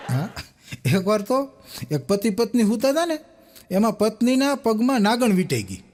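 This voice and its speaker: A man's voice: sits high, very animated, normal speed, noisy background. A young man, telling jokes as comic stories and acting out the people in them. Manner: acts out the people in each joke, with punchlines. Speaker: stand-up joke teller.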